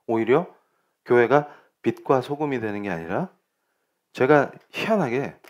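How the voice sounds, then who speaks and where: Animated Korean pastor preaching. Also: male voice, medium pitch, unhurried. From Seoul, South Korea. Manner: animated, rhetorical questions, swings between loud and quiet. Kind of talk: sermon.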